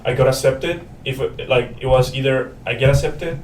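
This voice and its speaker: A man's voice: mid-range voice, fairly even intonation, moderate pace, distant mic. A young man from Paraguay, a native Spanish speaker, talks as a student guest in a loose, friendly way, full of fillers and restarts. He sits back from the microphone in a roomy space with faint noise behind. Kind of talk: casual interview chat.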